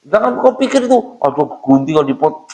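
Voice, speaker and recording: A man voicing a gentle mother who soothes her frightened little son with repeated coaxing reassurances. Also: fairly high pitch, very animated, brisk, pitched above the performer's own voice. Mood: soothing.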